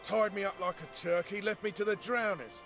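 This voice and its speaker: An actor playing a scruffy, coarse deserter soldier in a video game, with an English accent. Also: male voice, high-pitched, fairly even intonation, normal speed, fairly bright tone, faint music behind. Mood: bitter.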